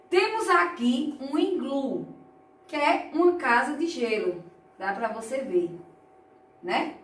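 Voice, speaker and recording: A woman teacher giving an online lesson to young children, slow and deliberate, stretching out syllables and checking in with tag questions. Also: high voice, far from the mic. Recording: echoey room, voice away from the mic.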